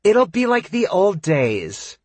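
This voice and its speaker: A man voicing a drunk young woman who yells, slurs and whines over the phone from a bar. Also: sits high, huge pitch swings, takes it slowly, no echo, pitched above the performer's own voice, heavily acted. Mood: whiny demanding. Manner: slurred, pleading, whiny yelling.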